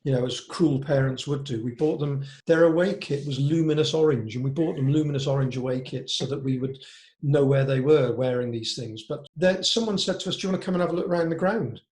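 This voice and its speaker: An older man, born in Devon and now from Cardiff, Wales, reminisces as an interview guest; he manages a walking football team. He's chatty and full of anecdotes, with a medium-pitched, slightly mellow voice at a fairly quick pace, recorded in a roomy, echoing space.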